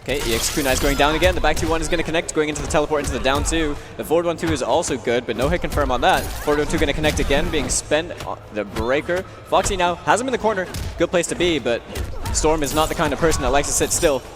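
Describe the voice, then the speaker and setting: A man's voice: fairly high pitch, quick pace. A man giving live fighting game commentary as an esports commentator. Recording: loud music behind, live venue. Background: music and event venue sound.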